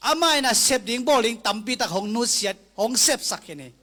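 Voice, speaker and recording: A man preaching a sermon slowly and deliberately, sometimes closing a thought with an amen. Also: extremely high pitch, animated, sharp tone. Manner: slow, deliberate preaching with frequent amens.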